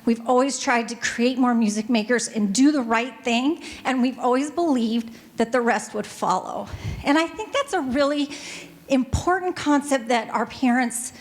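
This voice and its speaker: A middle-aged woman with a Pacific Northwest American accent, speaking on a business panel into a handheld microphone in a hotel ballroom, chatty and quick, joking with the audience. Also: fairly high pitch. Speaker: panelist, music store owner. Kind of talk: panel talk to a live audience.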